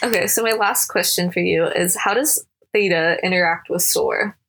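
A woman's voice: on the low side, normal speed, fairly bright tone. Nervous young woman with a slight lisp. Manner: nervous, giggly, apologetic. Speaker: student interviewer.

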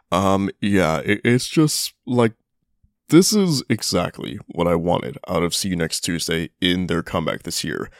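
A young man with a lowish, slightly hoarse voice hosts a music countdown podcast. He talks in an excited, casual, profane way, full of fillers. The sound is close and dry. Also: no room sound. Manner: enthusiastic, profane, conversational with fillers. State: voice getting hoarse. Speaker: podcast host.

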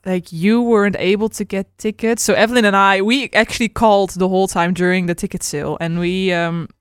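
A woman's voice: mid-range voice, a little fast, clean tone, no echo. A woman hosting a casual podcast chat, recorded close in a dry, deadened room. She tells stories with animation, acting out quotes as she goes. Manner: animated storytelling, acts out quotes with laughs. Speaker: podcast host. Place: studio.

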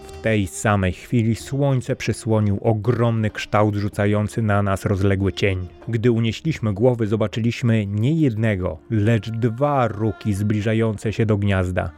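A man narrating a storybook adventure in the first person. His low voice carries the tale with vivid, expressive storytelling. Soft music plays faintly under the reading. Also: unhurried, hardly any pauses. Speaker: audiobook narrator. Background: faint background music.

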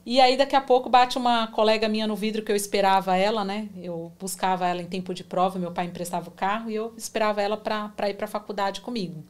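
A woman's voice: mid-range voice, quick pace, hardly any pauses. A woman in her forties telling her faith testimony in a podcast conversation, recounting her prayers with emotion. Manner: emotional, animated storytelling with reenacted prayers. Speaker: guest giving testimony.

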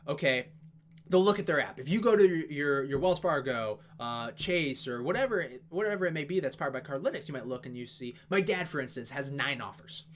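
A man talking fast and casually as he walks through an investment analysis, with plenty of fillers and asides. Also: on the high side, expressive. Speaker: investing video host. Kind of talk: casual stock analysis talk.

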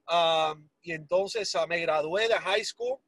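A Miami man in his forties with a Cuban Spanish accent tells his life story as an interview guest, lively and self-deprecating, slipping English words into his speech. His voice is fairly high and he takes it slowly, in a dry recording.

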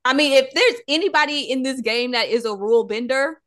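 A woman's voice: high voice, fairly quick, fairly bright tone. A woman hosting a casual podcast chat, sassy and playful, teasing her co-hosts. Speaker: podcast host.

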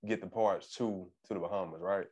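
A man interviewing a guest in a relaxed, casual way, often affirming and repeating himself. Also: sits low, fairly quick. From Arkansas, US.

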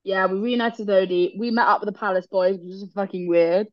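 A woman's voice: medium pitch, steady tone, brisk, no room sound, dull audio. A woman co-hosting a casual podcast, telling travel stories, swearing casually and laughing often. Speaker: podcast co-host. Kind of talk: casual chat.

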